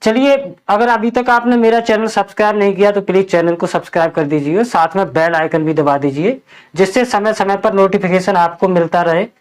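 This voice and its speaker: A man's voice: high-pitched, fairly even intonation, brisk, smooth. A man teaching English pronunciation, spelling words letter by letter and drilling each answer with a repeated question. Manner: patient, explanatory. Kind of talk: step-by-step spoken lesson.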